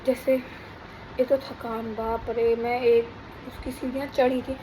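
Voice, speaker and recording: A woman's voice: on the high side, level tone, takes it slowly, background noise. A young pregnant woman, chatting casually in a rambling home vlog. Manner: chatty, rambling, teasing her husband. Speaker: vlogger. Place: home indoors.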